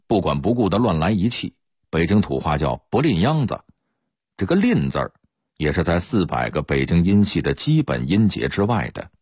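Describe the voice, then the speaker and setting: A man's voice: sits low, a little mellow, breathy edge, dry recording, studio quality. A man giving an explanatory radio talk as presenter, lecturing and demonstrating dialect pronunciations.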